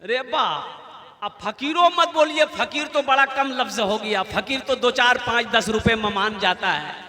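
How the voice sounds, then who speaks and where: A man's voice: extremely high pitch, normal speed, pushed and bright. A man with a Bengali-tinged Kolkata accent preaching a religious sermon, firing questions at the crowd and calling on them to answer. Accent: Kolkata Bengali-tinged Hindi. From Kolkata, India. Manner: rhetorical, questions and goads the crowd. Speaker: Islamic preacher. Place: religious gathering on a stage. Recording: echoey hall with long reverb.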